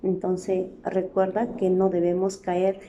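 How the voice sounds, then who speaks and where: A woman's voice: lowish voice, completely flat delivery, slow pace, dark tone, muffled recording, a little hiss or hum. A woman teacher giving a spoken grammar lesson, explaining patiently and tagging nearly every phrase with a questioning "no?".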